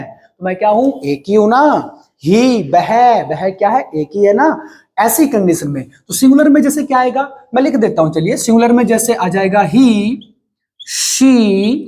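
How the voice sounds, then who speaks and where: A man's voice: high-pitched, a little mellow. A man teaching an English grammar lesson in an informal way, often asking questions and answering them himself. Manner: informal, addresses viewers as brother.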